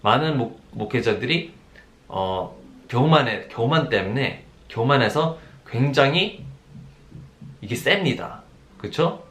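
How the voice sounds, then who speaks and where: A man's voice: medium pitch, animated, slow pace, fairly bright tone. A man preaching a conversational sermon, often asking his listeners for agreement and acting out the words of harsh pastors. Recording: roomy echo.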